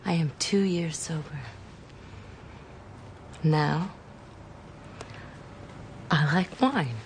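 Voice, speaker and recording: A drunk, taunting ex-addict. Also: female voice, sits low, very slow, slight background noise, full character voice. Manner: slurring, taunting, mocking. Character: drunk woman, former meth addict, bitter. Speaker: character in a TV drama. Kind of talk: TV drama acting.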